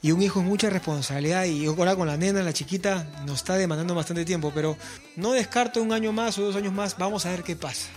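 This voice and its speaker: A Peruvian man in his forties, a musician guest in a laid-back interview chat, speaks fast in a high-sitting voice. He sounds earnest, using fillers and repeating words, while soft music plays faintly in the background.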